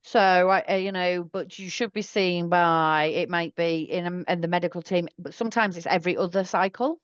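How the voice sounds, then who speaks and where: A woman's voice: fairly low pitch, fairly even intonation, normal speed, clear, resonant tone, no room sound, lo-fi sound. A woman working as a specialist nurse, answering questions in an online session in a chatty, thorough way, often correcting herself.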